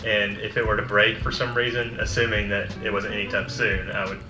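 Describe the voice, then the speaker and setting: A man's voice: on the low side, level tone, brisk. A man giving a casual, conversational product review. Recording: roomy echo, music behind. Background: music.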